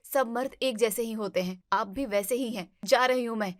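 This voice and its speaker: A pouting young wife and vlogger, acted by a woman talks in a brightish, higher voice, quick to take offense. The sound is dry and close to the mic, with no room echo. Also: close to an everyday voice. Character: young newlywed wife, touchy social media vlogger. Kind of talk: family drama acting.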